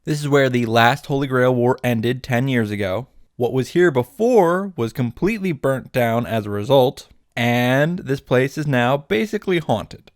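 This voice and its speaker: This video game summary host has a mid-range, animated voice and a measured pace with few pauses. He recaps a visual novel wryly and irreverently, peppering it with joking asides and swearing for laughs, recorded in a clean studio with no room sound.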